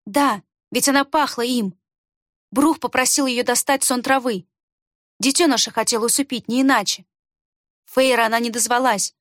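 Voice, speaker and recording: A woman reading an audiobook voices a young heroine who accuses in a cold, measured way. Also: fairly high pitch, fairly even intonation, a bit bright, dry recording, studio quality, natural voice. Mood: cold accusing. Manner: icy, measured.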